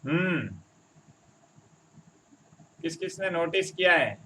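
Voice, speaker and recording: A man's voice: sits high, slow pace, pushed and bright, a little hiss or hum. A man teaching a Hindi grammar lesson, explaining step by step and often checking that his students follow.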